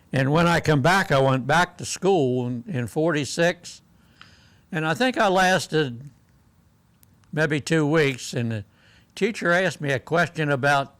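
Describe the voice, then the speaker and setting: An old American man with a clear, smooth voice recalls his days as a veteran. He talks slowly and plainly, feeling his way through the memories, and is recorded close and dry. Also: fairly high pitch, a bit bright, no echo. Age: elderly, 80s or older. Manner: old veteran remembering, halting, plain-spoken storytelling. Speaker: war veteran being interviewed. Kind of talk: unscripted oral-history reminiscence.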